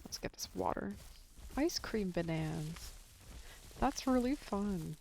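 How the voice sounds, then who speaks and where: Gravelly, chatty game streamer losing voice. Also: medium pitch, animated, slow, a little mellow, slight background noise, rough recording. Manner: rambling, chatty, answers chat, casual swearing. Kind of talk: casual live-stream chat while gaming.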